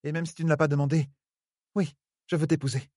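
A man voicing a commanding young noblewoman in an audiobook, speaking with a steady, determined voice. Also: low voice, fast talker, dry recording, clean studio sound, pitched above the performer's own voice. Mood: tender.

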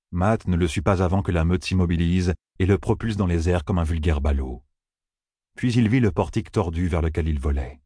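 Low, breathy male audiobook narrator. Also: no echo, studio quality. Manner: steady, expressive storytelling. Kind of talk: audiobook reading.

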